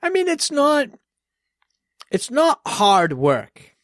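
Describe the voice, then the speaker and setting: A man's voice: very high voice, huge pitch swings, takes it slowly, fairly bright tone, no echo. Man, Boston accent, podcast host, rambling loose chat, swears a lot, dry close sound. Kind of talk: casual interview chat.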